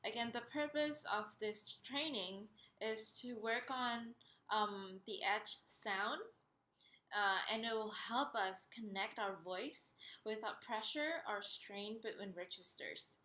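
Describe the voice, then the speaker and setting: A woman giving an instructional singing lesson, explaining step by step in a hesitant, pausing way. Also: on the high side, sharp tone. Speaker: singing teacher. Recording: roomy, echoey sound.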